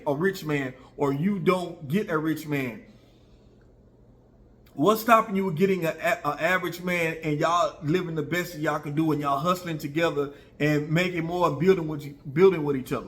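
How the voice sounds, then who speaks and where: An American online video commentator in his early forties shares casual opinions with viewers, chatting conversationally, repeating himself for emphasis and often checking in with his audience. His voice is a little high and a bit bright.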